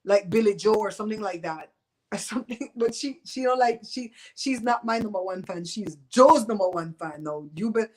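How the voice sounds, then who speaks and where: A Belizean woman in her fifties with a Belizean Creole accent hosts a live show, chatting bluntly and gossipily with viewers and laughing often. She speaks at a normal speed in a mid-range voice, and the audio is poor.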